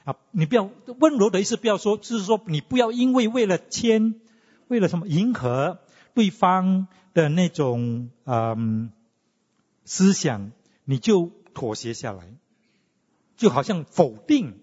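A man preaching a sermon, teaching in an animated way and asking the congregation questions. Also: high voice, unhurried, slightly rough. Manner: animated teaching, asks the congregation questions, mixes in English tags. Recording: lo-fi with long hall reverb.

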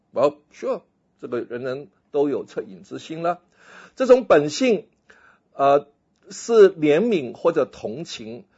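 Husky-voiced man pastor lecturing animatedly. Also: mid-range voice, muffled recording. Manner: animated, acts out little scenes and mixes in English phrases. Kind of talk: lecture on a philosophy text.

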